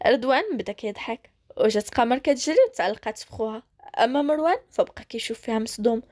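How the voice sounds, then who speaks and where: A woman with a Moroccan accent narrating a romance story, brisk and lively. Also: fairly high pitch.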